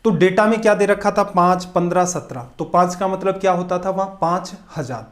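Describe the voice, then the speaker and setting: High-voiced man teaching exam math. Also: a little fast. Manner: asks questions and answers them himself, emphatic repetition. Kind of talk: exam-prep math lesson.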